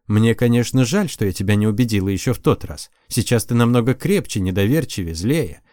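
A man reading an audiobook, voicing a stubborn, sharp-tongued young girl sorceress in a raised, teasing voice. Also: on the low side, expressive, fairly quick, no room sound, studio quality, natural voice. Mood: earnest. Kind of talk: audiobook character voice.

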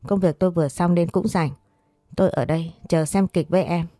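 A woman's voice: fairly low pitch, steady tone, fairly quick, dark tone, no room sound, clean studio sound, lightly acted. A woman voicing a teasing young man who keeps prodding with questions.

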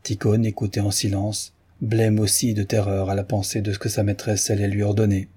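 A man narrating a novel as an audiobook in a measured literary reading. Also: lowish voice, monotone, warm tone, slightly rough. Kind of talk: scripted narration.

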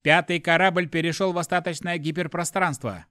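A man reading a science fiction audiobook, putting on the voice of a cold, detached onboard ship computer that announces in a flat, emotionless tone. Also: on the high side, a little fast, no room sound, studio quality, voice pushed up. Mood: cold, announcing.

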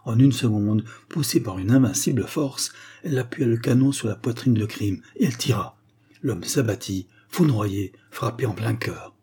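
A man narrating an audiobook thriller with steady, dramatic pacing. His voice is dark and mellow, with a husky grain. He sits at a middle pitch for a man. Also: normal speed. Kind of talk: audiobook reading of a spy novel.

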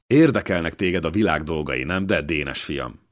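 A male reader voicing a wounded old man, a former royal servant, who speaks slowly and weightily like a stern father. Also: very deep voice, animated. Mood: gruff, fatherly. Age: older.

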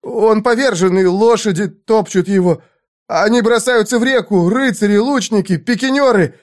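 A man voicing a frantic young squire in a dramatized audiobook, calling out the battle in high, excited shouts. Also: moderate pace.

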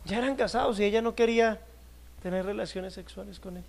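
A male pastor preaching a sermon, emphatic, stretching key words and swinging between loud and soft. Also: sits high, fairly quick, vocal fry.

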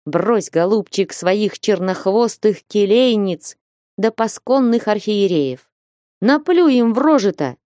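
A woman voicing a blustering, hot-tempered old male merchant in an audiobook, scolding and shouting. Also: medium pitch, animated, slow, dry recording, studio quality. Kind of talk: audiobook reading.

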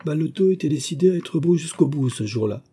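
Dark, husky male audiobook narrator. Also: a little high, expressive, fairly quick. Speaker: audiobook reader. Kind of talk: scripted narration of a novel.

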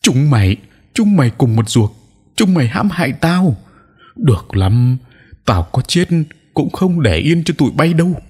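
A man's voice: deep voice, animated, normal speed, a bit bright, full character voice. A man voicing an evil old male sorcerer who cackles and screeches curses in an audio story. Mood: frantic rage.

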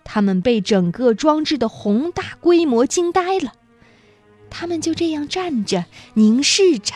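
A woman storyteller reading a children's book aloud, expressive and animated, talking to young listeners. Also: sits high, a little slow, faint music behind.

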